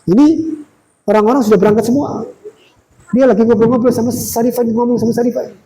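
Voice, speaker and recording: A man giving a sermon as a visiting preacher in a small prayer room, telling a story in a lively way and acting out the quoted dialogue. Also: very high voice, fairly quick, a little hiss or hum, rough recording.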